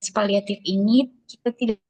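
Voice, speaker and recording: A woman's voice: mid-range voice, fairly even intonation, normal speed, warm tone, no room sound. Young female student reading a formal answer; voice heard through a breaking-up video call, dry and level-jumping. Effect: choppy audio dropping out over a bad connection. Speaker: student presenter. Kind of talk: formal class presentation over video call.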